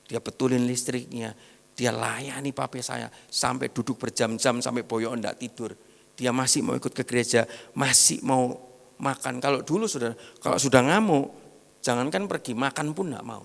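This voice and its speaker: A man's voice: mid-range voice, moderate pace, vocal fry. A middle-aged man with an East Javanese accent preaching a sermon, telling stories and acting out the voices of the people in them. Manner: storytelling, mixing in regional slang, acting out quoted voices. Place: large church hall. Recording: long hall reverb.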